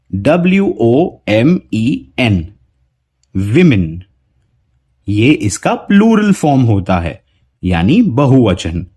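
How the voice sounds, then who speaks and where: Male pronunciation teacher, slow deliberate delivery, husky tone, lively sing-song pitch. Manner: drawn-out word examples with a lively rising pitch.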